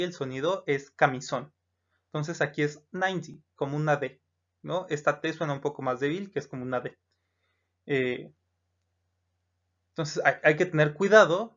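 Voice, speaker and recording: This medium-pitched, fairly bright voice belongs to a teacher with a Mexican Spanish accent who is giving a recorded lesson. Each English number gets said aloud and repeated with patience, and the explanations are sprinkled with "eh" and "¿no?" checks. The audio is lo-fi and a bit dull.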